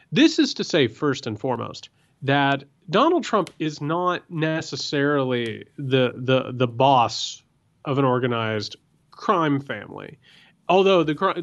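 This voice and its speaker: Brief: male podcast co-host, political commentary, lively swinging pitch, slightly dull lo-fi sound. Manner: animated, repeats words when building a point.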